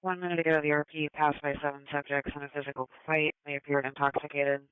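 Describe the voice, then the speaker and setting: Flat-voiced woman dispatcher on police radio. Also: deep voice, quick pace, clean tone, no echo. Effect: two-way radio. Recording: narrowband police scanner radio.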